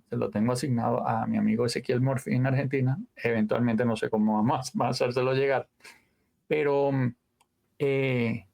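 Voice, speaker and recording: His voice is gravelly and medium in pitch as this male audio engineer, appearing as a guest, recounts stories in a casual interview. He's energetic, with plenty of sound words and asides that fade off.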